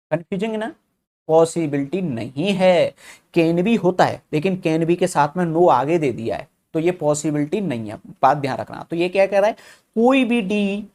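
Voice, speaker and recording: A male teacher with a Hindi accent giving a whiteboard lesson, explaining step by step and calling viewers brother, reading English statements slowly. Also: on the high side, a little mellow.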